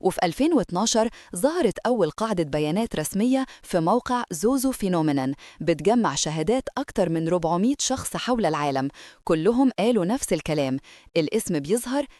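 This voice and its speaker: Fast Egyptian woman telling a horror story. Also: on the low side, big pitch swings, a little mellow, no echo, studio quality. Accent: Egyptian Arabic. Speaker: narrator. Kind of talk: scripted horror narration.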